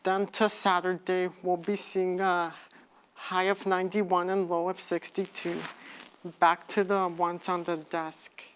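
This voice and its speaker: A woman's voice: on the low side, level tone, measured pace, slight background noise. A young woman presenting a weather forecast as a student.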